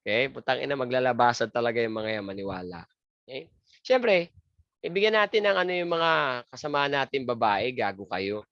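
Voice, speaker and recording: A man's voice: mid-range voice, animated, brisk, fairly bright tone, no echo. Crude joking man lecturing. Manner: joking, crude, asks and answers his own questions. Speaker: review lecturer. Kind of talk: exam review lecture. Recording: dry, muffled lo-fi lecture audio.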